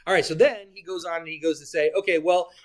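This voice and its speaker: Lively male geometry teacher lecturing. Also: fairly high pitch, fast talker. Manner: animated, joking asides, talks to students. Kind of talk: classroom lecture.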